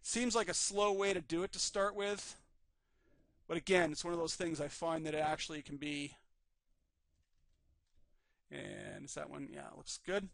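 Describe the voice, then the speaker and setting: A man teaching a live 3D rigging class, calmly narrating each step on screen while his voice is slightly worn. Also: a little high, moderate pace, creaky, pauses often, no echo. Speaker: 3D rigging instructor. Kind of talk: live screen-recorded software tutorial.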